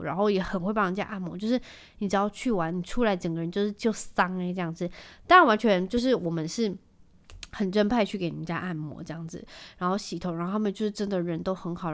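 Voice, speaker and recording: A woman in her thirties from Taiwan, hosting her podcast in a rambling, chatty way with many fillers. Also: mid-range voice. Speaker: podcast host. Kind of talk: casual chat.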